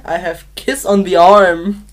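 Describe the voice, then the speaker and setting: A woman's voice: lowish voice, level tone, slow pace, slight background noise. A woman from Manchester co-hosting a podcast, giggly and playful while chatting through a word game. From Manchester, England. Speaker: podcast co-host. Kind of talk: casual game chat.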